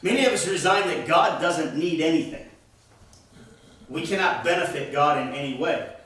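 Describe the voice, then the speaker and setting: A man's voice: fairly high pitch, moderate pace, fairly bright tone, distant mic. A man teaching a Bible class, speaking emphatically and asking the class questions. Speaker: church teacher. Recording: echoey room, voice from afar.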